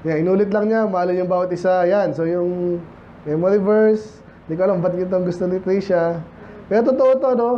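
A man's voice: sits high, fairly quick. A man with a Filipino accent, preaching a conversational sermon in church and mixing in English scripture quotes. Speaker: pastor. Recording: dull lo-fi with faint noise.

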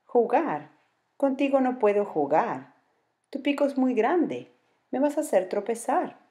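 A woman's voice: on the high side, expressive, unhurried, warm tone, voice pushed up. A woman voicing a sulky young jaguar. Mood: dismissive. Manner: sulky, dismissive of others. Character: lonely, grumpy young male jaguar.

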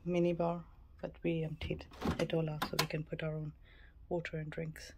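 Clear ambient noise fills the background as a woman with a deep, monotone voice tours a small cruise ship cabin for her vlog. She talks at normal speed in a casual, matter-of-fact way.

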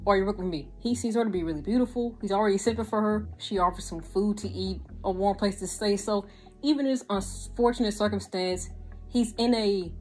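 A woman's voice: medium pitch, brisk, faint music behind. A young woman giving a frank, exasperated anime review in casual vlog style, talking with lots of hand gestures. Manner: animated, gestures a lot while talking. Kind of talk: casual video commentary. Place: small indoor room with a gaming desk setup.

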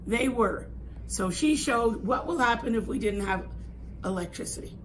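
Hoarse, raspy woman teacher in her sixties. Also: on the high side, animated, normal speed. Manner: instructive, emphatic, checks understanding with "okay?". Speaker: art teacher. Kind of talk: classroom lesson, explaining an assignment. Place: classroom art room, indoors. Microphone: camera a few metres away. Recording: clear room noise.

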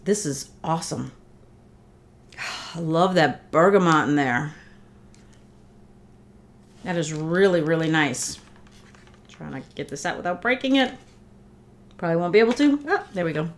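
Seated in her living room, a middle-aged vlogger opens a gift and talks casually, a little stuffy from a cold. Her deep voice has lively intonation, and she moves a bit slowly with long pauses, scattering fillers and restarts among her warm thanks.

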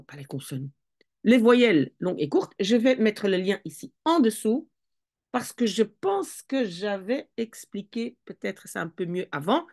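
A woman's voice: fairly high pitch, a little mellow. A woman teaching Dutch spelling rules, explaining step by step and often correcting herself as she thinks aloud. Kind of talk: casual explanatory lesson.

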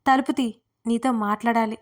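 Brief: fiery young wife, scolding and shouting, a touch high, voiced by a woman storyteller. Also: steady tone, moderate pace, natural voice. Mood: furious shouting.

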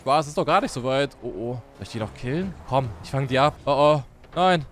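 A man's voice: mid-range voice, brisk. A man giving joking Let's Play commentary, playacting a lazy beer-bellied Thor and exclaiming often, with game music behind him. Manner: excitable, frequent "oh, oh" exclamations. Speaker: gaming YouTuber.

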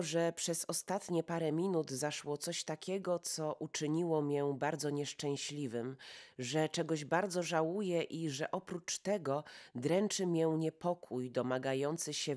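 A woman's voice: low voice, darkish tone. A woman reading a classic novel aloud as an audiobook, in a subdued, reflective tone. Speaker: audiobook reader. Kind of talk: scripted audiobook narration.

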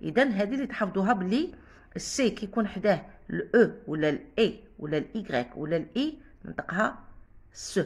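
Woman teacher, lively pitch, slightly husky, patient and repetitive. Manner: patient, repeats and spells out sounds. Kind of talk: casual spoken lesson.

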